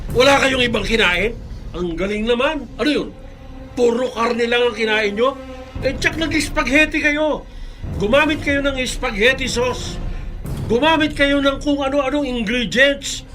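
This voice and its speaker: An indignant, accused husband in a radio drama. He pitches very high and bright for a man, and his tone is hard and defensive. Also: a little slow, soft background music, full character voice. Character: defensive middle-aged husband, meat seller. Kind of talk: Filipino radio drama acting.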